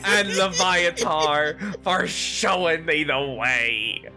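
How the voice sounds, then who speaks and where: A solemn, sentimental pirate captain, played by a man in a tabletop game. The voice is fairly high for a man and bright, and it takes its time. Music runs underneath. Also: very slow, exaggerated voice. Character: male old-sea-dog pirate captain, vengeful and sentimental. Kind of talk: tabletop role-play. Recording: music behind the voice.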